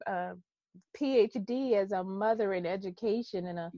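A woman's voice: medium pitch, normal speed, warm tone, no room sound, lo-fi sound. A woman from Detroit talking in a casual, earnest and rambling way. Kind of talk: casual conversation.

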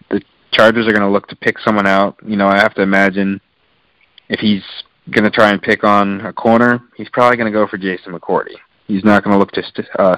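Deep-voiced man talking football. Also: fairly bright tone, no echo, low-quality recording. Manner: enthusiastic, detailed, filler-heavy. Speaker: podcast co-host. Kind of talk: casual sports chat.

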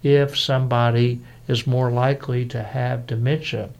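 Gravelly, halting man in casual chat. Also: mid-range voice, little pitch movement, darkish tone, dull audio. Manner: rambling, halting with many restarts and fillers; folksy.

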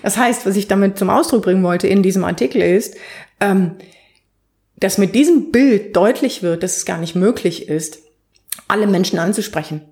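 A woman's voice: mid-range voice, normal speed, a little mellow. A woman hosting a podcast, presenting and chatting in a structured, explanatory way with vivid examples. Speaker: podcast host.

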